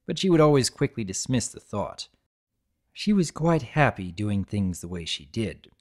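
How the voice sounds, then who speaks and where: A man reading a story aloud as scripted dramatic narration, in a measured, expressive storytelling manner. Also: mid-range voice.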